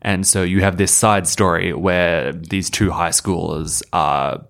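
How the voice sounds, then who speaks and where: A man's voice: deep voice, steady tone, takes it slowly, vocal fry, a bit bright. A man co-hosting a podcast in casual chat, laughing often and restarting his sentences. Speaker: podcast co-host.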